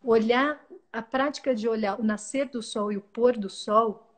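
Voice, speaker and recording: A woman speaks as a guest in an earnest, reflective way. Her voice sits a little high, and she often breaks off and restarts words mid-phrase. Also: moderate pace. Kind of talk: reflective spiritual talk.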